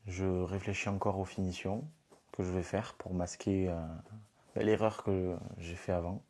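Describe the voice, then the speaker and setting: Chill guy talking to cam, really low voice, kinda mellow. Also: level tone, moderate pace. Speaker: renovator, vlog regular. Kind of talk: casual to-camera comment.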